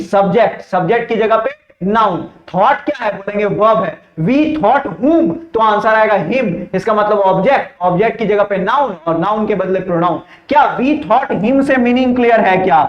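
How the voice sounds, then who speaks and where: A high-pitched man teaching a grammar lesson. He asks a question, answers it himself and repeats every point. The sound is dull and lo-fi, with a roomy echo. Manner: call-and-response questioning, repeats each point. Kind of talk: Hindi-language grammar lecture. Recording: echoey, dull lo-fi room sound.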